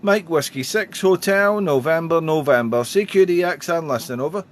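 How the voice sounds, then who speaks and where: Friendly chat and phonetic call signs come from a man operating amateur radio, his pitch fairly high and his pace moderate. Clear radio noise sits in the background of these contact calls.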